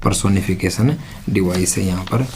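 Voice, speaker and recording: A man's voice: sits low, normal speed, a little mellow, slight background noise. A man teaching an exam-prep English lesson, explaining step by step and repeating his own questions.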